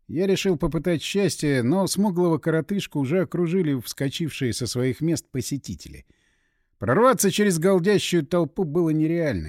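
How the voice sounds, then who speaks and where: A male audiobook narrator telling a first-person story with brisk, expressive delivery. His voice sits a touch high and moves through a lively, animated range. The recording is close and dry, with no room sound. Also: no room sound.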